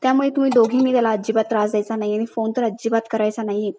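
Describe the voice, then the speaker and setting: A woman's voice: a little high, fairly even intonation, very fast, mellow, natural voice. Fussy bossy grandmother, read by a woman.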